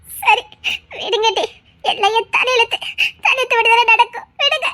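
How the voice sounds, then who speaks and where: A woman's voice: very high voice, fairly even intonation, moderate pace, pushed and bright. A woman voicing a self-pitying, tearful mother-in-law in a comic fan dub, with a Tirunelveli Tamil accent and a whining delivery.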